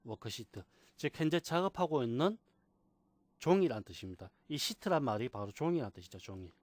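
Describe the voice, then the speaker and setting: A man's voice: mid-range voice, expressive, no room sound. Patient man teaching, dry close mic. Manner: patient, repeats key terms slowly, asks rhetorical questions. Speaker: computer instructor. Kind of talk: screen-recorded software tutorial.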